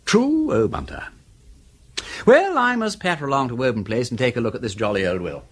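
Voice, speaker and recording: A male actor plays a flippant, inquisitive aristocratic detective in a British radio drama, using an upper-class English accent and a breezy, foppish, rambling politeness. His medium-pitched voice is sing-song, fairly quick and slightly rough, in a musing mood.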